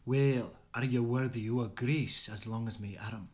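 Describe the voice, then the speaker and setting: A man's voice: mid-range voice, moderate pace, a little mellow, close to an everyday voice. An Irish man putting on a Scottish reciter. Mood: declaiming. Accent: put-on Scottish. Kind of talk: poetry recital.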